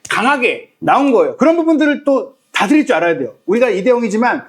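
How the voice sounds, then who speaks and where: Fast, high-voiced man analyzing football. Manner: animated, acts out locker-room quotes. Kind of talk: tactical football chat.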